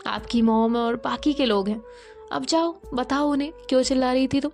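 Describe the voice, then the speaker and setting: A woman's voice: sits high, fairly even intonation, moderate pace, darkish tone, soft background music. Woman voicing a scolding young teacher. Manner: teasing, scolding.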